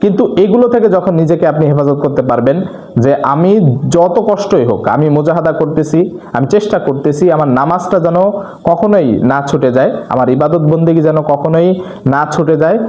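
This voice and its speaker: Man preacher, earnest exhorting tone, mellow fairly high voice, echoey room. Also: expressive. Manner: earnest, exhorting, reciting Arabic supplications slowly. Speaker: Islamic preacher. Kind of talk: religious talk.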